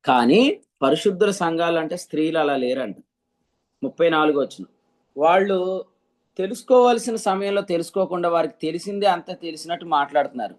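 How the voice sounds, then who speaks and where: A man's voice: a little high, a little mellow. A man with a somewhat raised voice gives a teaching sermon into a computer mic. He explains a point step by step with everyday examples and stops to ask his listeners questions. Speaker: preacher. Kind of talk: teaching sermon to an online group.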